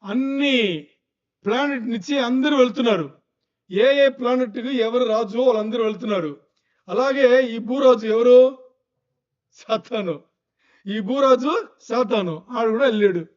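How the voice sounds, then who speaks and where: A high-pitched male pastor preaching a sermon to his congregation. He keeps firing rhetorical questions and urging them to think. The dull, lo-fi recording muffles his voice. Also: a little slow, pauses often.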